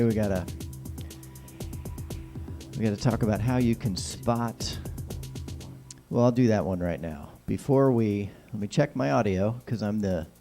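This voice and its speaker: A man with a lowish, warm voice hosts a casual, lightly humorous talk show from Kansas City, United States. He's American and rambles in a folksy, neighbourly way through solo political chat, his s sounds whistling.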